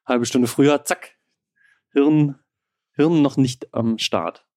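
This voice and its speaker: German man, warm mellow voice, joking, casual podcast banter. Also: mid-range voice, slow pace, dry recording, studio quality. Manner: joking, relaxed, laughs often. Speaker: podcast co-host. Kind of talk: casual chat.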